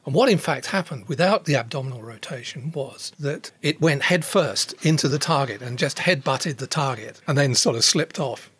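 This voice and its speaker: Husky male scientist explaining research. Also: mid-range voice, lively intonation, moderate pace, few pauses, a bit bright, no room sound. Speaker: scientist being interviewed. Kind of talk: measured expert explanation.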